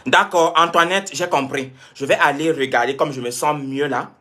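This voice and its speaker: Guy live streaming to viewers, bright forceful voice, repeats himself a lot. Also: a little high, normal speed. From Cameroon. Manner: animated, repeats himself, reads and answers viewer comments. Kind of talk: casual live-stream talk.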